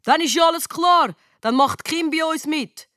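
A woman's voice: sits high, normal speed, fairly bright tone, no room sound, clean studio sound, pitched above the performer's own voice. Lady doing a grumbly kid, blunt, no fuss. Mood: decisive.

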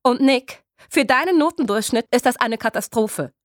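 A woman's voice: a little high, expressive, moderate pace, no room sound, studio quality, pitched above the performer's own voice, lightly acted. A woman voicing a strict female schoolteacher, speaking in precise, stern tones. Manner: stern, precise teacherly diction.

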